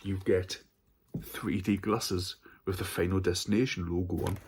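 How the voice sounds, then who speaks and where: A man's voice: deep voice, steady tone, moderate pace, background noise. A man hosting a casual haul vlog about horror films, chatty and stumbling over his words at times. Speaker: horror film channel host.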